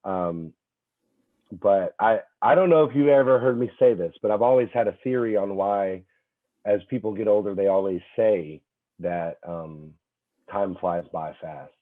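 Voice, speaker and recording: A young man, a fitness trainer appearing as a podcast guest, telling stories in an animated way, full of fillers and restarts. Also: lowish voice, a little slow. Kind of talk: casual chat. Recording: tinny phone-like call audio.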